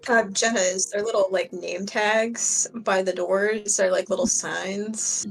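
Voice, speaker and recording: A woman's voice: mid-range voice, steady tone, measured pace, gravelly, faint music behind, poor audio. A young woman playing a tabletop game, giggly and chatty, asking many questions. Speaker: player. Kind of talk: casual tabletop play.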